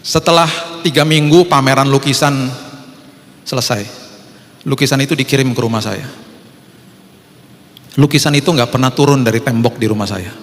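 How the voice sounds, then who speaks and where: A man preaching a storytelling sermon as pastor in a church, lively and humorous, acting out the people in his story. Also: medium pitch. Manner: lively and humorous, acts out voices. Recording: echoey church hall.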